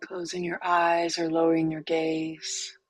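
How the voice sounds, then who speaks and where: With a low-pitched, monotone voice on a dry recording, a female teacher leads a guided meditation. She speaks gently and slowly, with long silences between brief phrases.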